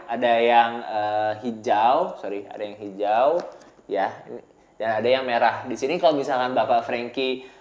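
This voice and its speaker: A man's voice: medium pitch, measured pace, a little mellow. Chatty young man hosting, roomy lo-fi sound. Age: 20s. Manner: chatty, many fillers, laughs often. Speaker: host. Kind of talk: casual podcast chat.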